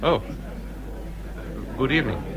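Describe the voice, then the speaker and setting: An actor playing a courteous, ardent English naval captain in a period radio drama, with a formal, measured manner and an English accent. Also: male voice, mid-range voice, expressive. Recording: busy crowd murmur behind.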